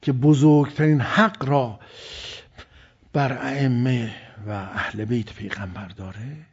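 A man giving a religious sermon, swinging between loud emphasis and hushed, near-whispered lines. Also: medium pitch, steady tone, breathy edge. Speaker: preacher. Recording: dull lo-fi recording.

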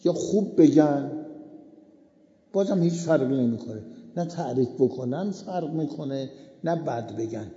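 A man giving a slow, repetitive moral sermon as a cleric. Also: mid-range voice, expressive, mellow. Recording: echoey hall, dull lo-fi sound.

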